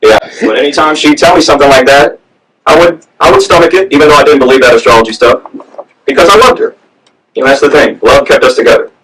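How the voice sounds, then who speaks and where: A man from the American South doing a stand-up set, telling stories in a deadpan way. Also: on the high side, fast. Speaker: stand-up comic. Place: comedy club stage with audience. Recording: distant mic, loud crowd.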